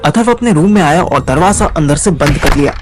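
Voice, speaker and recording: A man's voice: on the high side, expressive, fairly quick, soft background music. A young man narrating a first-person story in a wry, conversational way.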